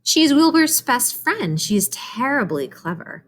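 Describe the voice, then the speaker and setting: Woman reading as an earnest, animated young farm girl. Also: high-pitched, slow, a little hiss or hum, voice pushed up, heavily acted. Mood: eager, matter-of-fact. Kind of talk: storybook character voice.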